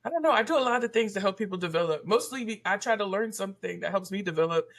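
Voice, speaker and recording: Laughing Baltimore woman, gravelly voice. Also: medium pitch. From Baltimore, USA. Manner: animated and laughing, talks faster as she goes. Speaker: podcast guest. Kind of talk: casual chat. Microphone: video call.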